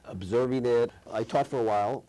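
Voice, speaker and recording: A man's voice: medium pitch, a little fast, dark tone, low-quality recording. A man in his fifties from Chicago, a guest filmmaker in a studio interview, speaking thoughtfully with frequent restarts and trailing phrases. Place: TV studio set.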